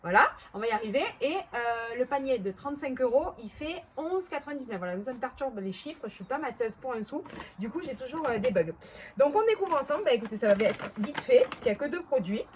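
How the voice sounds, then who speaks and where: A woman's voice: sits high, expressive, brisk, darkish tone, a little hiss or hum. A woman with a Marseille accent chatting casually to camera as a vlogger, hesitant and often correcting herself. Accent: Marseille French. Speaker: vlogger reviewing bargain hauls.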